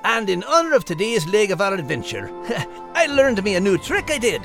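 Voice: mid-range voice, big pitch swings, moderate pace, fairly bright tone, faint music behind. An actor voicing Max-style cheerful, simple-minded male Scottish dog in a children's audio drama, with hearty, folksy speech.

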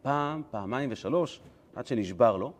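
A male rabbi gives a Torah lesson with a lot of humor. His pitch is medium but very lively, rising and falling as he acts out the story. He sounds animated and playful.

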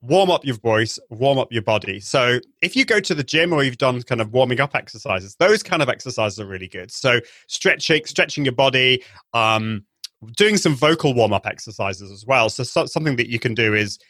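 During a call interview, a male live video trainer explains brisk and enthusiastic, often restarting. His mid-range trained singing voice is pushed and bright with lively intonation, and there's no echo.

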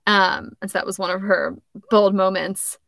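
A young woman co-hosting a casual book discussion podcast, chatty, full of "like" fillers and quick laughs. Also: medium pitch, steady tone, creaky, a bit bright, dry recording, clean studio sound. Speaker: podcast co-host.

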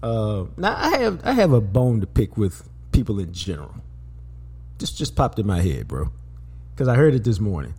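A man with a drawl hosts a sports podcast, his voice warm and relaxed in tone. He talks in a loose, slangy way, hammering points home by repeating words. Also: lowish voice, normal speed, husky. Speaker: podcast host. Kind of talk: casual sports talk.

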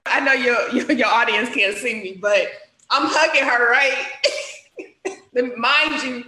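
A woman telling a personal story as an interview guest, animated, acting out her own reactions and laughing often. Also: takes it slowly, echoey room, rough recording. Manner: animated, acts out her own reactions with big pitch jumps; laughs often while talking. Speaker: guest, youth literacy director.

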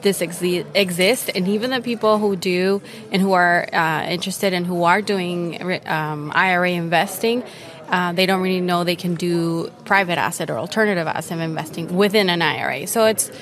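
Young woman from Venezuela, eager explainer with fillers, lower voice, interview at a conference. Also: moderate pace, a bit bright. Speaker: guest, retirement account specialist. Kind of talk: conversational interview. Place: busy conference floor.

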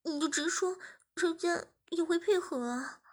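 A woman voicing a shy, easily flustered young woman who pleads and pouts in a raised voice. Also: measured pace. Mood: flustered pleading. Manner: high, pleading and pouting.

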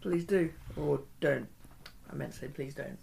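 A man's voice: on the high side, normal speed, vocal fry, darkish tone, husky. A British man co-hosting a podcast in casual banter, with a jokey, self-deprecating way of talking. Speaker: podcast co-host.

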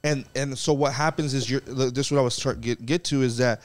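Animated man talking hockey. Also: medium pitch. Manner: animated, drawn-out explanations. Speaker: co-host. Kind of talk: casual sports chat.

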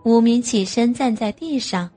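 A woman narrating an audio novel in a slow, even storytelling manner. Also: fairly high pitch, faint music behind.

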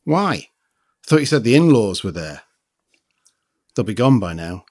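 A darkish, lowish, sing-song male voice moves unhurriedly as a roughly sixty-year-old man born in Liberia reads a short story to a writing group. Between readings he chats casually but hesitantly, repeating words whenever he's uncertain.

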